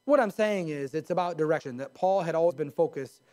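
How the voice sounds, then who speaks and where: A man in his forties, a pastor preaching from a pulpit in a church sanctuary, animated and gesturing. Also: a little high, fairly quick. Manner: animated, gesturing at a pulpit, mimics others in a raised voice. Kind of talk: sermon. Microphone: pulpit mic.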